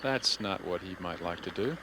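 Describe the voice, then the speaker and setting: Low-voiced male golf commentator, noisy background. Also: moderate pace. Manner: sparse, understated phrasing. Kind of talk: measured live golf commentary.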